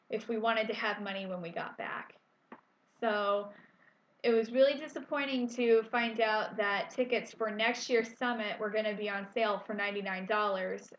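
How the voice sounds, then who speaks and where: A woman's voice: medium pitch, fairly bright tone. A woman in her twenties telling a personal story in a candid, emotional way, with many fillers and restarts. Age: 20s. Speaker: vlogger. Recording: echoey room, dull lo-fi sound.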